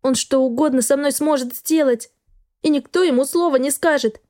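A woman's voice: high-pitched, normal speed, a little mellow, no room sound, studio quality, voice pushed up, lightly acted. A woman voicing a tearful, frightened young girl. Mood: desperate. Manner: sobbing, pleading, breathless. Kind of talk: audiobook dialogue.

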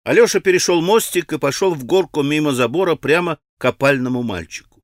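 A man narrating a classic novel as an audiobook, with expressive, measured storytelling. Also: a little high, no echo. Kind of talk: scripted narration. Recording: dry studio recording.

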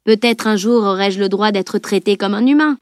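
A woman's voice: mid-range voice, moderate pace, dry recording, clean studio sound, close to an everyday voice. A woman reading the voice of a wry, teasing teenage boy in an audiobook, mocking and playful.

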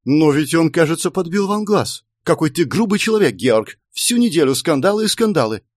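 A man voicing a small, furious, shrill middle-aged wife who scolds and shrieks at her husband. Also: animated, normal speed, no room sound, clean studio sound. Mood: scolding shrill.

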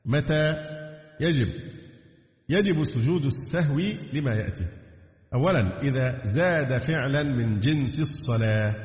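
A man with an Egyptian accent teaching Islamic jurisprudence, reading from a text and adding colloquial explanations with pauses and fillers. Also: medium pitch, a little mellow. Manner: reads a text aloud, then breaks off into colloquial asides with hesitations. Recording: echoey hall, dull lo-fi sound.

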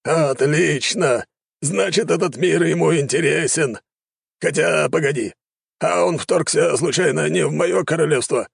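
A man voicing an excitable, scheming male gnome king in an audiobook, exclaiming theatrically. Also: a little high, measured pace, creaky, slightly rough, dry recording, clean studio sound, voice pushed up, exaggerated voice. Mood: gleeful. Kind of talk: audiobook character voice.

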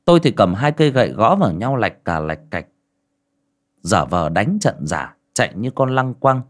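A man narrating a horror audiobook in a measured, dramatic storytelling manner. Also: fairly low pitch, very animated.

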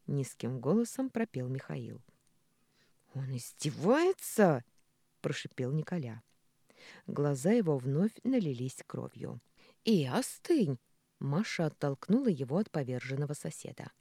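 Female audiobook narrator, low and mellow, animated delivery. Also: moderate pace, creaky, slightly rough, dry recording, clean studio sound. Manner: expressive storytelling. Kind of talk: scripted narration.

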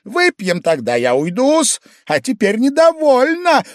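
A man voicing a drunk, fawning middle-aged man who pleads in a simpering, shrill, drawn-out way. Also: huge pitch swings, no echo, clean studio sound, full character voice. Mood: wheedling insistent.

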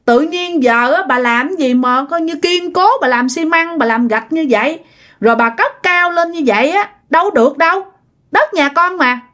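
A woman's voice: sits high, expressive, moderate pace, a bit bright, voice pushed up. A woman storyteller voicing an indignant young village wife who pleads and protests over her land.

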